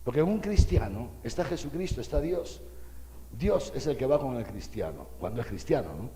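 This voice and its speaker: An older man from Peru, a bishop, giving an animated, folksy sermon full of rhetorical asides to his listeners. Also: medium pitch, moderate pace, big-room sound.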